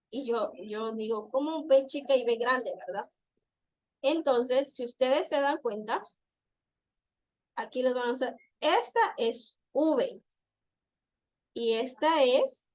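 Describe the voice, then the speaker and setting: A woman gives a classroom lecture. Her voice sits high, and she explains patiently, saying each example slowly and more than once. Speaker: teacher.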